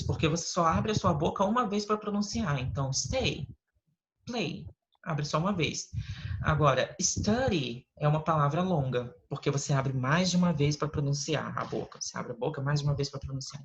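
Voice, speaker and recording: A Brazilian English teacher with a Brazilian Portuguese accent, patiently explaining step by step in an online lesson over a video call. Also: medium pitch. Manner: patient, explains step by step, often adds tag questions. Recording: lo-fi call audio with faint noise.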